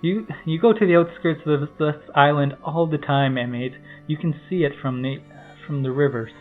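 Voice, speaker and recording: A man's voice: a little high, normal speed, faint music behind, natural voice. A man voicing a helpful sylph villager. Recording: tinny phone-like call audio.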